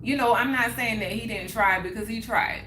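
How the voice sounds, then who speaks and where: A woman hosts a relaxed chat and tells a story from her own life with lively animation. She repeats key phrases for emphasis and slips into other people's words as she retells them. The sound is roomy, with faint ambience behind her. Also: fairly high pitch, moderate pace, noisy background. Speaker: livestream host.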